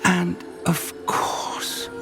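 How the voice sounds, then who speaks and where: An actor playing an older scholarly professor in a video game, speaking in an earnest, formal and courteous way. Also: male voice, very high voice, huge pitch swings, drawn-out words, over loud music, exaggerated voice. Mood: awed. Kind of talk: scripted game dialogue.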